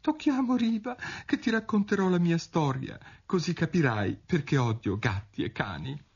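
A man voicing a touchy, frightened little mouse with a shrill, squeaking voice, in a dull radio recording of a storybook reading. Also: animated, moderate pace, husky. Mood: trembling. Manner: indignant, trembling.

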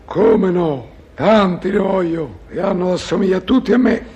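An actor playing a dim, sentimental retired male boxer in a comedy sketch, speaking haltingly in Roman Italian dialect. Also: high-pitched, animated, darkish tone, breathy edge, lo-fi sound, full character voice. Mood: earnest, confused. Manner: slow-witted, halting, repetitive, easily confused. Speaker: comic character. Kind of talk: comic sketch dialogue.

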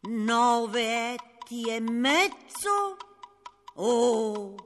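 An actress playing a fussy, emphatic butcher-shop customer in a 1970s radio comedy. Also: female voice, fairly high pitch, extremely slow, big-room sound, over music. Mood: demanding.

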